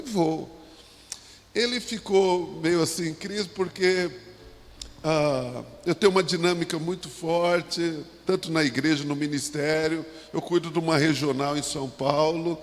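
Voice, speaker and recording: Brazilian male pastor, slightly high voice, halting sermon delivery, long church reverb. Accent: Brazilian Portuguese. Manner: halting, with many restarts and rhetorical asides. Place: church sanctuary.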